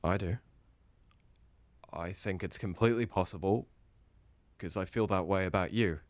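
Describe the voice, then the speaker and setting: An actor playing a soft-spoken young man whose hesitant affection turns obsessive and frantic. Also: deep voice, moderate pace, no room sound, close to an everyday voice. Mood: pleading. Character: lovesick young man turning obsessive and violent. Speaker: actor in an audio drama.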